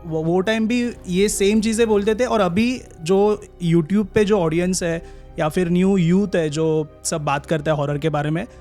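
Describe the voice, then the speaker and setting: A young man with a notably high-pitched voice, telling a personal story as a podcast guest. He speaks casually and haltingly, pausing and restarting often. Soft music plays quietly underneath. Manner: halting, drawn-out pauses and restarts.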